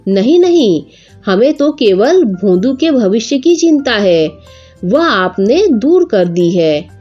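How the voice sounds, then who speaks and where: A woman voicing an excitable middle-aged village mother who scolds and frets. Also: on the high side, slow pace, husky, highs cut off, soft background music, heavily acted.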